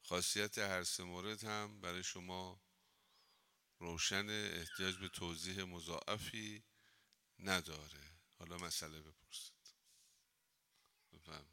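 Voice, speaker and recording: A man's voice: low-pitched, steady tone, pauses often, sharp tone, a little hiss or hum. A man, a cleric, giving an informal religious lesson in a mosque, talking conversationally and telling humorous anecdotes.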